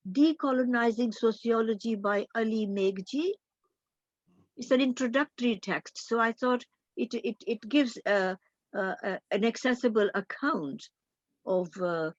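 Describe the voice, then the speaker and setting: An older woman, a guest academic in a roundtable discussion, speaking in a measured, thoughtful way with frequent pauses. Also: a little high, no room sound, dull audio.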